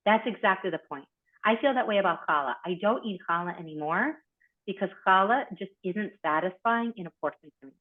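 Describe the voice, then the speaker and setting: A woman hosting an online group, coaching members with animated, encouraging talk and reflective questions. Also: mid-range voice, fairly quick. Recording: tinny phone-like video call audio.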